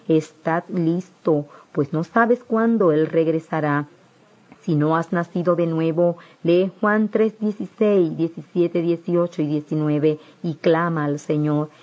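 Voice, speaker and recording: A woman's voice: sits low, darkish tone, highs cut off. A woman earnestly narrating a religious testimony, pleading with her listeners.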